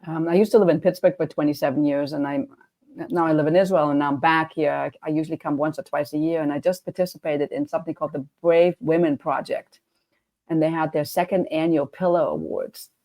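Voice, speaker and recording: A woman's voice: sits low, fairly even intonation, brisk, mellow. A woman with a German accent hosting a casual interview, chatty and often restarting her sentences. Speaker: podcast host and coach.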